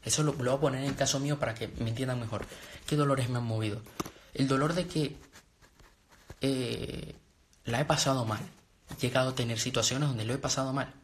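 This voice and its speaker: Over slight background noise, a young Venezuelan speaks fairly quickly in a steady, medium-pitched voice, with long pauses. He's a personal development and trading coach giving viewers a heartfelt, meandering motivational talk on a casual live stream, packed with false starts and filler words.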